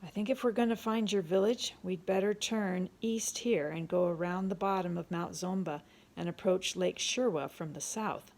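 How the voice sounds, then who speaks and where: Grandmotherly woman voicing gravelly earnest doctor-explorer. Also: fairly low pitch, moderate pace, a little mellow. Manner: earnest, reasoning, peace-seeking. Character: steady determined male doctor-explorer, middle-aged.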